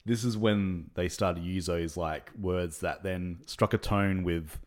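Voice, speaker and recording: A man's voice: low voice, fairly even intonation, a little slow. A man co-hosting a podcast, talking casually and rambling with lots of fillers and little laughs. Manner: rambling, many fillers, laughs between points. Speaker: podcast co-host. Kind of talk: casual chat.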